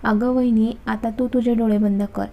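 A woman voicing an outspoken, sharp-tongued young sister who speaks bluntly. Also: fairly high pitch, little pitch movement, normal speed, lo-fi sound, natural voice. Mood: cheerful. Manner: blunt, scolding.

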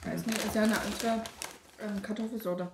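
A woman's voice: mid-range voice, steady tone, brisk. A woman, talking casually as co-host of a tasting video. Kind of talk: casual chat. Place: domestic room indoors. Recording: roomy echo, clear background noise.

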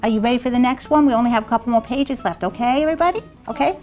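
High, cheery woman reading to kids. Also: racing, a little mellow, faint music behind. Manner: cheery, encouraging, asks children questions. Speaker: children's show host. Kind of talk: reading a picture book aloud to children.

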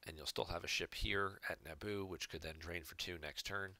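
Deep-voiced man analyzing card game plays. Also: steady tone, moderate pace, pushed and bright, dry recording. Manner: analytical, explains plays step by step. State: hiccups. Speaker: game reviewer. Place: home room.

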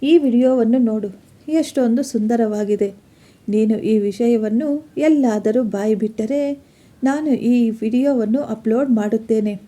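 A woman's voice: a little high, unhurried, dark tone. A woman voicing an arrogant rich young man who taunts and blackmails, smug and mocking. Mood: taunting.

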